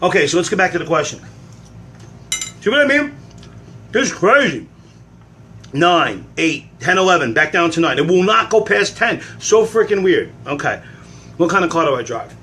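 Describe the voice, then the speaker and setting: Man, livestream host, bright and slightly high, rambling, self-deprecating home chat. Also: very animated, moderate pace, a little hiss or hum. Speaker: livestream host answering fan questions. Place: at home cooking eggs. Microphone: phone.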